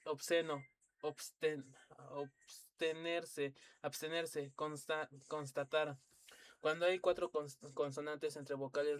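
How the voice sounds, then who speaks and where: A man reading an encyclopedia lesson aloud, stumbling and restarting words, with dry asides. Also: fairly high pitch. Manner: halting, stumbles and restarts words, spells out letters, drops asides. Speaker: reader of an encyclopedia.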